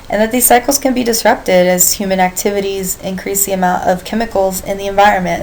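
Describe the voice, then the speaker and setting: A woman's voice: medium pitch, darkish tone, a little hiss or hum, low-quality recording. A woman lecturing a biology class, explaining step by step, asking the students questions and reminding them of earlier material.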